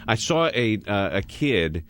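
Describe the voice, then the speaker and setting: A man's voice: lowish voice, big pitch swings, measured pace, a bit bright, slight background noise. A man hosting a radio talk show, trading jokes and telling rambling stories. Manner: joking, rambling storyteller. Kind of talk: casual radio banter. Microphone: studio microphone.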